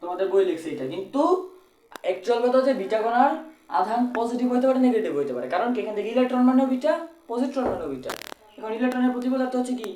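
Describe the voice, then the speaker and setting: Fast-talking Bangladeshi Bengali tutor, echoey room. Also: male voice, extremely high pitch, animated, warm tone, a little hiss or hum. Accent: Bangladeshi Bengali, colloquial. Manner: repeats phrases, asks and answers own questions. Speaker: physics tutor. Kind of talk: exam-prep physics lesson.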